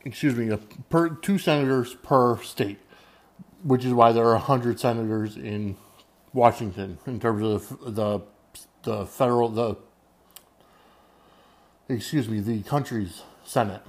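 Male podcast host, American accent, mid-range voice, off-the-cuff monologue with halting, wandering delivery. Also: mid-range voice. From United States. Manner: rambling, halting, often searching for words. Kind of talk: unscripted solo podcast monologue.

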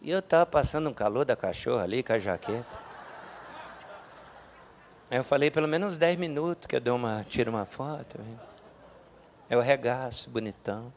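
A pastor in his sixties preaching a sermon, folksy and joking, rising to fervent shouts. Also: medium pitch, lively intonation, normal speed, long pauses, slight background noise. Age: 60s. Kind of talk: lively sermon with storytelling.

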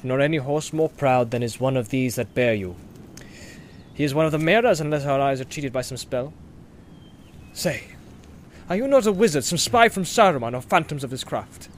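A man's voice: on the high side, a little hiss or hum, pitched above the performer's own voice, lightly acted. A man voicing a proud, suspicious male gate guard who questions in a formal way.

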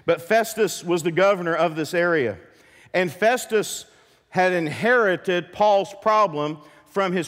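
A pastor preaching a sermon to his church, lively and full of questions to the congregation. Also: high voice, in a large hall. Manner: animated, asks the congregation many questions. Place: church sanctuary.

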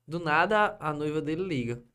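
A man's voice: fairly high pitch, moderate pace, clean tone. Rambling Brazilian man telling a story. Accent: Brazilian Portuguese. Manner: rambling and lively, tags phrases with "né?" and "pô". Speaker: podcast guest. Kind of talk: casual storytelling on a podcast.

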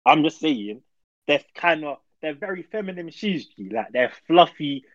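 Young male, London roadman accent, emphatic slangy conversationalist, a touch higher pitched, dry but slightly muffled recording. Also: expressive, normal speed, no echo. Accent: London roadman, multicultural urban London slang. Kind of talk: casual chat, debating opinions.

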